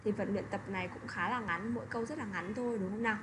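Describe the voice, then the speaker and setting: A woman's voice: medium pitch, fast, noisy background. A woman teaching an English lesson to children, who keeps checking in with little tag questions. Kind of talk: online lesson explanation.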